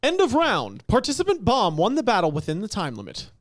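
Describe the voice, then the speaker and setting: A man voices a stiff battle announcer. He is official and formal, pitched fairly high with a lively lilt. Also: brisk, heavily acted.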